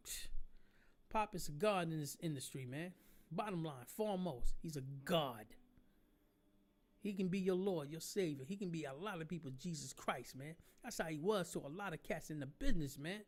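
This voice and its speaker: A streetwise man in his forties, speaking high in his range. He lectures his fans in a heated monologue, dropping to low murmurs and then rising to loud, preachy outbursts. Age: 40s. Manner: streetwise, repeats "man" and "understand?".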